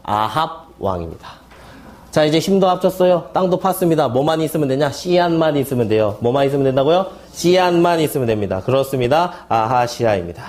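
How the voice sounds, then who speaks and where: Male seminar instructor, a little high-pitched, playful classroom call-and-response delivery. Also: expressive, fairly quick, darkish tone. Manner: playful mnemonic wordplay, asks and answers his own questions. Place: lecture hall at a seminary.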